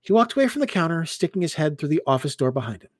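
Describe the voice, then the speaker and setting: Male audiobook narrator, expressive storytelling, slightly raised voice, lively intonation, dry close studio sound. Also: on the high side, very fast, dry recording. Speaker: audiobook reader. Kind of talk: first-person fiction narration.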